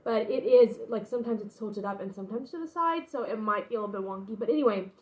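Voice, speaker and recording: A woman's voice: a little high, lively intonation, quick pace, a little mellow. A young adult woman vlogging casually about her pregnancy announcement, telling the story in a rambling, informal way with frequent asides. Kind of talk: casual personal storytelling to camera.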